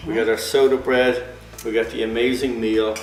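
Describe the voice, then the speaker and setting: A man's voice: mid-range voice, flat delivery, moderate pace. Man in playful mock Irish brogue. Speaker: co-host. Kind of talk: casual chat. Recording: echoey room with music.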